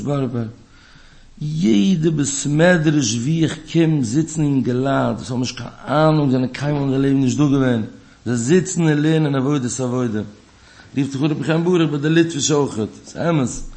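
A man giving a religious talk, pressing his points with emphasis and repeating key words. His voice climbs and falls sharply between phrases, at a medium pitch for a man. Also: darkish tone. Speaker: religious teacher. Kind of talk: spoken Torah talk.

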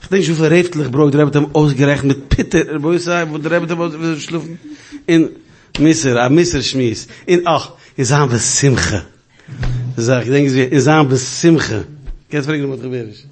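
A man telling a story in a casual, halting way, often restarting and repeating words. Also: on the high side, fairly even intonation, darkish tone.

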